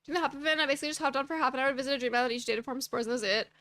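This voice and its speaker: A woman's voice: sits high, very fast, a bit bright, no room sound. A woman streamer chatting casually while playing a game and answering viewer chat with rambling asides.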